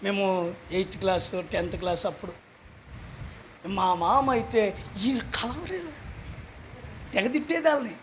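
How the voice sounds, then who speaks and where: Male pastor, very high voice, sermon with sudden shouts, faint noise behind. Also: measured pace, pauses often. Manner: preaching with sudden shouted calls for hallelujah; conversational, acts out little dialogues.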